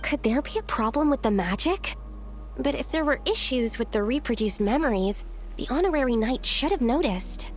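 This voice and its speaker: An earnest, attentive female researcher from a video game. Her voice is high and expressive, with polite, precise wording over faint music. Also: moderate pace. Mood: concerned.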